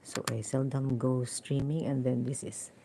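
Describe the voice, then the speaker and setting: A woman's voice: very deep voice, little pitch movement, moderate pace, vocal fry, noisy background. A chatty, giggly woman, live-streaming casually and talking into a phone held close to her mouth. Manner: giggly, chatty, mixing Tagalog words.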